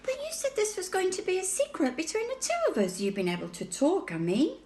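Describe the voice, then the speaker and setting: A woman's voice: very high voice, wildly swooping pitch, brisk, a little mellow, roomy sound, slight background noise, voice pushed up, exaggerated voice. A woman reading a children's book aloud, voicing a curious, eager young girl who asks question after question. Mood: wondering. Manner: wondering, questioning.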